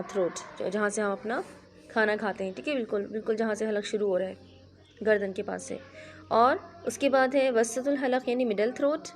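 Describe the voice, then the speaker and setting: A woman teaches a recitation lesson, explaining each point with patience and stopping often to check understanding. Her voice sits a little high. A faint hiss runs under the recording. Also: darkish tone. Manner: patient, explanatory, frequent "theek hai" check-ins. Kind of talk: online children's lesson.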